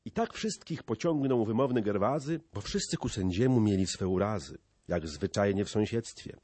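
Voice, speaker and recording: A man narrating an epic poem in lively verse recitation, audiobook style. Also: fairly low pitch, normal speed, husky, dry recording.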